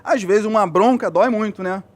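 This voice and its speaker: High-voiced Brazilian man giving a pep talk. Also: brisk. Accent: Brazilian Portuguese. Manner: earnest, repetitive, checks with "né?" and "tá?". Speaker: physiotherapist giving a talk to young athletes. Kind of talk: motivational speech.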